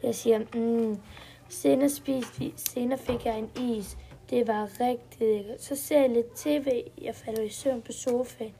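Woman storyteller, first-person kids' tale, simple sentences, mellow tone. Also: on the high side, steady tone, vocal fry. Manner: simple short sentences, step-by-step telling.

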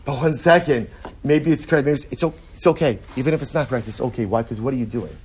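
A man's voice: mid-range voice, fast, breathy edge. Man teaching a casual religious class. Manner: repetitive, rhetorical questions, animated. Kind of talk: informal lecture to a small group.

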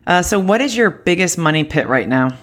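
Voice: medium pitch, animated, brisk, fairly bright tone. A podcast host interviewing a guest, with short agreeing replies and easy laughs. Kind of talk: casual interview chat.

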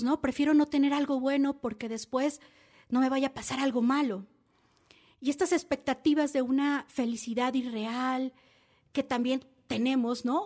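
A woman hosts a motivational podcast. Her voice sits high, and she speaks intimately to the listener, often turning her points into direct questions. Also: darkish tone. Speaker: podcast host.

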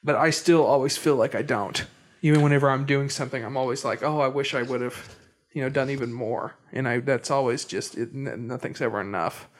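A man's voice: mid-range voice, steady tone, fairly quick. A young man hosting a casual podcast chat, often hesitant and restarting his sentences. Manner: hesitant, many restarts and stammers. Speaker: podcast host.

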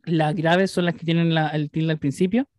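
A man's voice: on the high side, fairly even intonation, moderate pace, a little mellow, no echo, clean studio sound. A Chilean man co-hosting a podcast, ranting crudely in casual banter and swearing often. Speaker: podcast co-host.

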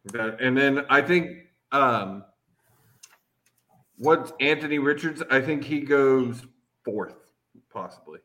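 A man running a casual sports podcast chat. His voice is bright and sharp, and his pitch swings widely as he steers the group from topic to topic. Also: lively intonation, slow, long pauses, poor audio. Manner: loose, swearing, leads the segment. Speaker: podcast host.

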